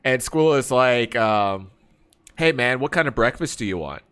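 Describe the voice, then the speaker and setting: A let's play streamer casually tells an anecdote while gaming, voicing his friends' lines and laughing often. He talks in relaxed slang, calling people bro and man, with a clean, medium-pitched voice at a moderate pace.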